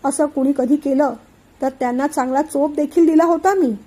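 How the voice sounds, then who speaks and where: A woman's voice: sits high, moderate pace, mellow, natural voice. A woman voicing a young man, an emotional elder brother, speaking in a heartfelt and earnest way in a read-aloud story. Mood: tender.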